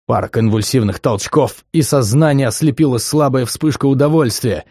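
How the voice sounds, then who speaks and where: A man's voice: mid-range voice, normal speed, mellow, breathy edge, no room sound, clean studio sound. A man reading a first-person novel aloud in an intense, dramatic way. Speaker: audiobook narrator.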